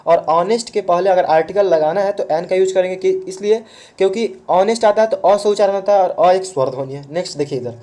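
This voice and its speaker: Guy teacher explaining grammar slow and patient, high but mellow voice. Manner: patient step-by-step explaining, asks and answers own questions; mixes English words into Hindi. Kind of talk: online grammar lesson.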